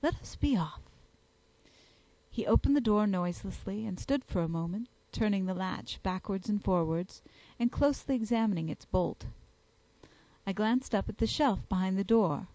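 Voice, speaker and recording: A woman reading a detective story aloud as an audiobook, in an even, steady storytelling manner. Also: medium pitch, moderate pace, no echo, low-quality recording. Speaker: audiobook reader. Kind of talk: audiobook narration.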